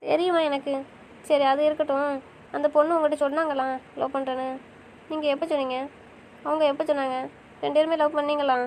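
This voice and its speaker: Actress as a young newlywed wife, high and fast-talking, affectionate and pleading, romantic audio drama. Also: female voice, flat delivery, a little mellow, a little hiss or hum.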